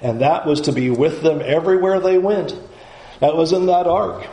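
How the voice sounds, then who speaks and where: Male pastor, lively sermon, acts out the grumbling crowd, fairly high voice. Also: normal speed. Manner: animated, acts out the people's complaints. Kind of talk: expository sermon. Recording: roomy echo, faint background noise.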